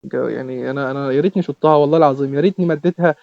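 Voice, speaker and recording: A young man with an Egyptian accent commentating his own football video game matches, excitable and repeating words in bursts. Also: medium pitch, very fast, creaky, dry recording, lo-fi sound. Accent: Egyptian Arabic. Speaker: gaming YouTuber. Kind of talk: live gameplay commentary.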